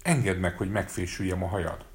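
A man's voice: sits low, close to an everyday voice. Cawing sneaky old peddler lady, a guy putting her on, sweet-talking. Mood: wheedling. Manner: cawing, wheedling. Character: disguised old peddler woman, wheedling and sly.

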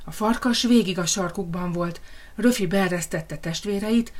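A woman reading a children's fairy tale aloud in a lively, expressive storytelling manner. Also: mid-range voice.

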